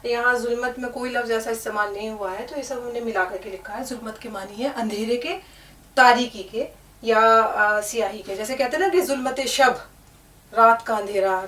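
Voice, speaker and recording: A woman teaching a language lesson, explaining word meanings and spelling out letters slowly, often checking in with the learner. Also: fairly high pitch, a bit bright. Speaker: Urdu teacher. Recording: echoey room, mic at a distance.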